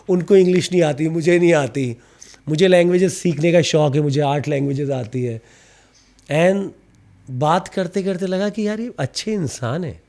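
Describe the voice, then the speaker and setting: Man, fairly high voice, slight stammer, chatty anecdotes. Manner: animated anecdotes, mixing in English, slight stammer. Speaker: actor, podcast guest. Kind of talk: casual storytelling interview.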